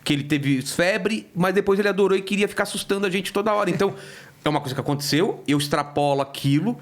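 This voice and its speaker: A man's voice: sits high, fast. A male comedian in casual podcast chat, telling stories animatedly and acting out quoted voices. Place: podcast studio.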